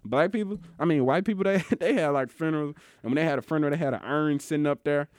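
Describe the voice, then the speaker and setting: A man's voice: on the high side, fast talker, a little mellow, clean tone, dry recording, studio quality. A young man with a Mississippi accent chatting casually in a slangy, emphatic storytelling way. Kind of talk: casual, animated banter.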